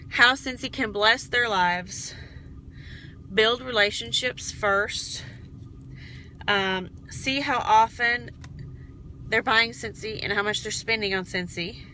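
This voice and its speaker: A woman's voice: medium pitch, sharp tone, slight background noise, poor audio. A woman giving casual coaching tips to her sales team in a vlog. She is chatty and encouraging, and keeps checking in with "okay?". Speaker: direct sales team leader.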